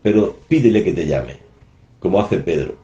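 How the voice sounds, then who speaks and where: A man's voice: sits low, animated, moderate pace, mellow. A man, preaching an earnest, emphatic radio sermon and acting out scripture quotes. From Spain. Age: 70s. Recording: echoey, dull lo-fi radio broadcast.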